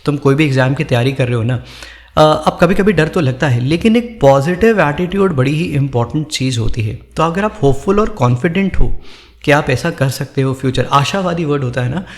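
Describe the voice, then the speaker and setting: A man teaching English vocabulary in a casual lesson, talking in Hindi mixed with English, reading the English example sentences slowly and often checking in with his listeners. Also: on the high side, animated, roomy sound. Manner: frequent "ठीक है" check-ins, encouraging.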